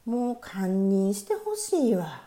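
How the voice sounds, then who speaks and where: A woman's voice: mid-range voice, sing-song, slow, dark tone. A woman reading the lines of a snobbish Kyoto woman in Kyoto dialect, haughty and put-upon. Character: Kyoto woman scorning a match from Yamashina.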